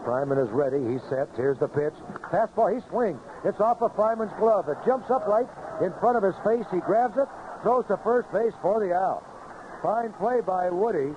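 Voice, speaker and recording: This is live radio sports commentary: a high-voiced man calling a baseball game on a vintage broadcast from an outdoor ballpark booth. The highs are cut off, and there's noise in the background.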